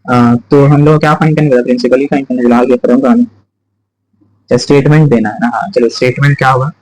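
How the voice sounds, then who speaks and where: A man's voice: mid-range voice, fairly even intonation, quick pace, a little mellow, no room sound, rough recording. A male maths teacher from explaining sums step by step, asking and answering his own questions and repeating each point. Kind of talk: chalkboard maths lesson.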